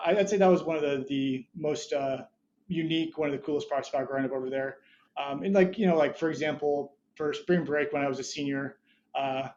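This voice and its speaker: A man's voice: a little high, a little mellow, dull audio, slight background noise. A man in his thirties, a startup founder talking as a podcast guest, rambling with many restarts and short laughs. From Budapest, Hungary, raised there as an American. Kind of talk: casual interview chat.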